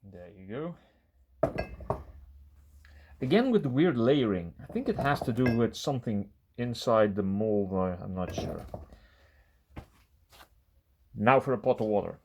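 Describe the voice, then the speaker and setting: A man with a fairly low voice narrates his hobby workshop task as he goes. He is casual and unscripted, dropping understated little asides as if to himself. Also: very animated, moderate pace, gravelly, noisy background. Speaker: hobby metal-casting video maker.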